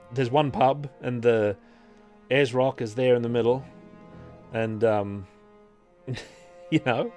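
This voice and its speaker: A man with an Australian accent chatting casually and rambling with jokes while live-streaming a game. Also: medium pitch. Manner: rambling, joking, chatting with viewers.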